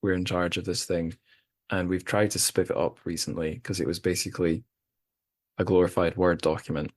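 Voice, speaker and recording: A Scottish podcast host with a very low voice chats casually, talking a little fast. He rambles, makes fun of himself, and often restarts his sentences. The sound is dry and close, with no room echo.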